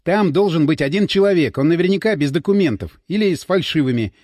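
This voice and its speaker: Brief: man playing brusque cop, clipped and demanding, fairly high voice, dry read. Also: expressive, fast, darkish tone, dry recording. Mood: urgent. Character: tough male police detective, pushy and urgent. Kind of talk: audiobook character voice.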